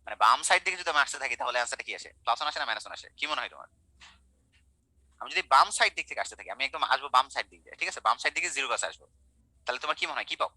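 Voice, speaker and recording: A man's voice: mid-range voice, expressive, very fast, sharp tone, no echo, poor audio. A young man teaching math in an online class, speaking colloquially, coaxing and quizzing his students.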